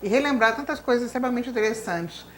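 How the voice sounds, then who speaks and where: Speaking fast in a fairly high, fairly bright voice, this woman is a retired professor in her fifties from Brazil whose native tongue is Spanish. As an interview guest she tells a long life story about her childhood, leaning heavily on "né," "então," and "assim." Slight background noise is present.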